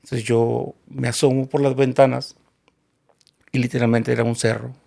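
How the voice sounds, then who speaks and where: Man, guest storyteller in an interview, heavy vocal fry, plays out each quote in the story. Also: medium pitch, moderate pace. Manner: animated storyteller acting out quoted dialogue.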